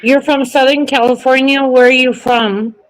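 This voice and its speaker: A woman's voice: sits high, fairly even intonation, normal speed, low-quality recording. A woman chatting casually in a group, blunt and inquisitive.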